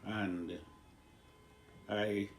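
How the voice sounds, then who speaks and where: A man in his nineties with a Jamaican accent, slowly and haltingly telling his life story, searching for words. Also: fairly low pitch, level tone, a little hiss or hum. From born in Cuba, raised in Jamaica. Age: 90s. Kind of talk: casual interview.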